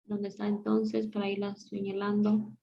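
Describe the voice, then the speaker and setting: A woman teaching a class, repeating words aloud slowly as she points them out. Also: mid-range voice, completely flat delivery, creaky, slight background noise. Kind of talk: classroom lesson. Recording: dull lo-fi sound.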